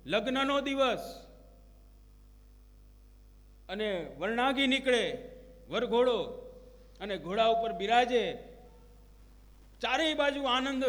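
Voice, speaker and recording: A man's voice: extremely high pitch, fairly bright tone. A man giving a devotional discourse, telling stories and acting out quoted prayers and dialogue. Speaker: religious preacher. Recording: long hall reverb.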